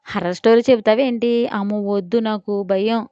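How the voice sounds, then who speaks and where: A woman's voice: mid-range voice, steady tone, moderate pace, dark tone, clean tone, dry recording, natural voice. A woman voicing a shy, innocent young bride who protests bashfully, recorded on slightly dull audio.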